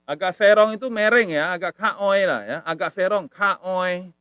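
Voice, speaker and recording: A man's voice: high voice, normal speed, a bit bright, clean tone, no echo. A man giving a casual live-stream language lesson, patient and repetitive, tagging nearly every phrase with a short filler. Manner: repetitive, patient, says "ya" often. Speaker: language teacher.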